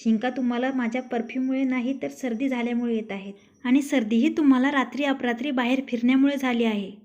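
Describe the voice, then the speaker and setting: A woman voicing a curt, sharp-tongued young wife. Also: high voice, fairly even intonation, fast talker, lightly acted. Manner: curt, scolding. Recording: dull lo-fi recording.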